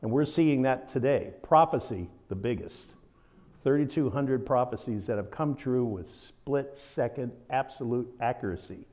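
A man's voice: medium pitch, moderate pace, a little mellow. A man with a Southern American accent teaching a Bible study in a conversational, folksy way, full of asides.

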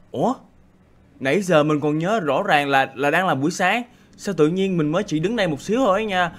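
Excitable gamer guy. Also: a little high. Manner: animated, exclaiming, talks straight to viewers. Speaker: gaming YouTuber. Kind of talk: excitable horror game commentary.

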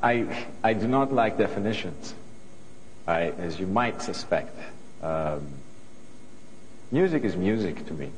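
A middle-aged man from Greece talks to a room of students in his Greek accent. His voice sits a little low and his words come thoughtful and earnest, with frequent restarts. It is picked up on a lapel mic, with long hall reverb and a faint hiss underneath. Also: expressive, a little slow, pauses often. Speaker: guest composer. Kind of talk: talk to a student audience. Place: television studio stage before an audience.

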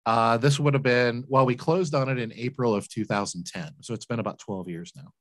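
Speaking a little fast in a mid-range voice, with no echo, a man in his forties tells his story as a guest on a video call interview. The laundromat entrepreneur and business owner is earnest and emphatic, repeating words when moved. He's at home indoors, wearing headphones with a large desk mic.

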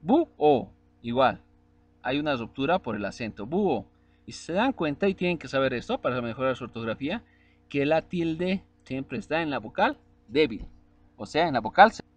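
A man's voice: medium pitch, lively intonation, fairly quick. A man teaching a spelling lesson, spelling out vowels and syllables one by one and often asking checking questions.

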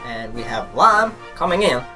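A solemn, formal statesman, as a young man does in an impression speaks haltingly at middling pitch in a comedy video. Faint music plays underneath. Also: big pitch swings, bright, forceful tone. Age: young adult. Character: male statesman solemnly reading a list, with hesitant pauses. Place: plain small room indoors.

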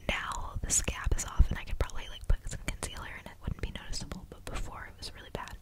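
A woman in her twenties softly whispering an ASMR vlog very close, right in your ear, chatting casually in a rambling, confiding, hesitant way. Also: fast. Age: 20s. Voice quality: soft unvoiced whisper. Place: small dim room at home, indoors. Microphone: desktop condenser microphone very close to the mouth, binaural.

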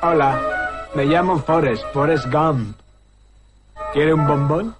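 A man's voice: on the high side, takes it slowly. An actor playing a simple, good-hearted, earnest man with a naive, plain-spoken manner in a dubbed film. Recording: film trailer with loud music.

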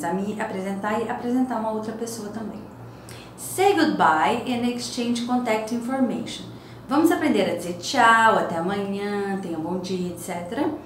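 Woman, Brazilian accent, English teacher, patient, repeats and translates, echoey room. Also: medium pitch. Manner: patient explaining, repeats phrases and translates them. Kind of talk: recorded English lesson. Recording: very echoey room with faint noise.

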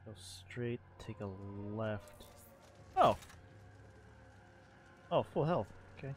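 A man's voice: medium pitch, expressive, slow, darkish tone, soft background music. A man streaming a game, chatting casually and reacting with curses and laughs. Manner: swears and laughs while reacting. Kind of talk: casual gameplay commentary. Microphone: headset with closed headphones.

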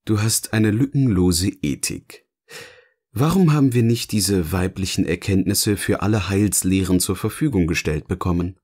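Speaking at a moderate pace, a man with a low, slightly mellow voice and a breathy edge acts out a teasing, philosophical partner. The scripted audio-novel dialogue has a theatrical, questioning manner and a musing mood, delivered by a voice actor and narrator.

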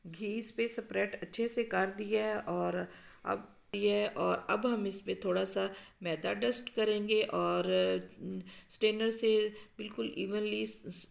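Gravelly-voiced woman explaining a recipe. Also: mid-range voice. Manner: calm, explanatory, with frequent um fillers. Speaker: cooking show host. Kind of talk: step-by-step cooking instructions. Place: home kitchen.

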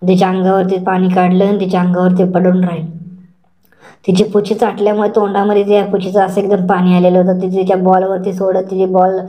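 A woman narrating an adult story in the first person, slow and repetitive, saying words over and over. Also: mid-range voice, monotone, mellow.

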